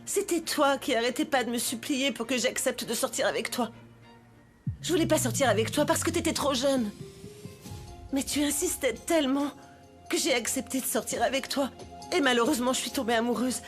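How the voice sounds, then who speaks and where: Actress as a high-voiced, wronged young mother. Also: a little fast, faint music behind, lightly acted. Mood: wounded, indignant. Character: wronged young mother, a former dancer, pleading and proud. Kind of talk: dubbed television melodrama acting.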